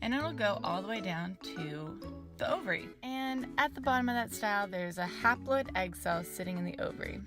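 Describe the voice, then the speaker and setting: A young adult woman presenting casual educational science outdoors in a bright, curious, enthusiastic and chatty manner. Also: medium pitch, lively intonation, normal speed, over music. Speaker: science show host. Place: outdoors in a backyard.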